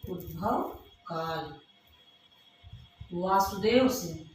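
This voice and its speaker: A woman teaching a literature lesson, slowly repeating each term word by word and calling her students "beta". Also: on the low side, a little mellow, faint music behind. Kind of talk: dictation-paced exam lesson. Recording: echoey room from far off, faint hiss.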